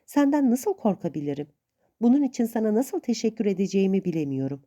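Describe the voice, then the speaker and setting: A woman's voice: medium pitch, sing-song, fast talker, mellow, close to an everyday voice. A woman voicing a proud, stubborn young woman who speaks earnestly and defiantly in a storybook reading. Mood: flustered.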